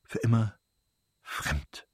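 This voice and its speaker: A man voicing a bitter, furious betrayed noblewoman in a shrill, raised voice. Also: lively intonation, moderate pace, darkish tone, slightly rough, dry recording, studio quality. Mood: bitter, brooding. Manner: shrill, screaming outbursts.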